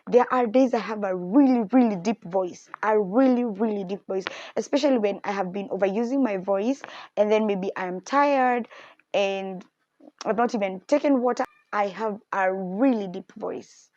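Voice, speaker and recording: This is a dry recording with the highs cut off: a young female podcast host in a mid-range voice talks reflectively and honestly about her faith and insecurities. She picks up energy when quoting others during this personal faith talk.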